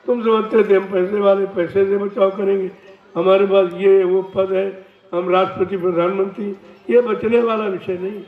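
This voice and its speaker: A man's voice: sits high, flat delivery, normal speed. A man giving a devotional sermon as a spiritual teacher, warning and admonishing his listeners. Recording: echoey, distant, dull lo-fi.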